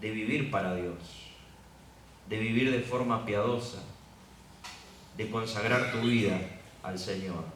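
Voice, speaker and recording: Pastor preaching in an echoey church. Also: male voice, lowish voice, measured pace, pauses often, a bit bright, recorded from a distance, slight background noise. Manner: preaches with rhetorical questions, voice rising at dramatic peaks. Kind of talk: sermon.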